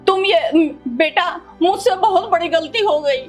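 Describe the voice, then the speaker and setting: A woman acting as a mother-in-law in a family drama, plotting at first, then pleading and weeping, calling her daughter-in-law "beta" over and over. Her voice sits fairly high, and soft music runs behind her. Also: normal speed, slightly rough. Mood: pleading, tearful. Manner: pleading, repeats "beta" while crying. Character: scheming mother-in-law, later tearful and begging. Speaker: actor in a family drama short. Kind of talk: melodramatic short-film acting.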